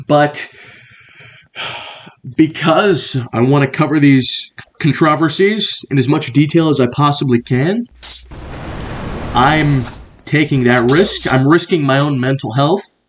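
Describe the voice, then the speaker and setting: A young man hosting a comedy video, delivering mock-serious commentary that builds into stammering, exasperated rants. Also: mid-range voice.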